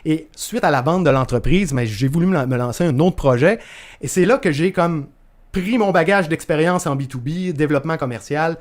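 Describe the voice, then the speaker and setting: A man's voice: on the high side, animated, a little fast. A man in his thirties from northern Quebec with a Québécois accent, hosting a live masterclass over a video call in a chatty way, full of fillers and restarts. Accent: Québécois French. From northern Quebec, Canada. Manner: chatty, many fillers and restarts, greets viewers by name. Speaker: masterclass host. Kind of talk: live webinar presentation.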